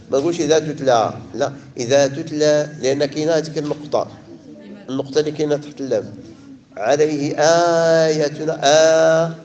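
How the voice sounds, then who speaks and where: A man with a Moroccan Arabic accent teaching a tajweed lesson to a class. He recites verses slowly, stretching the sounds, then explains the rules briskly to his students. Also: on the high side, darkish tone, highs cut off.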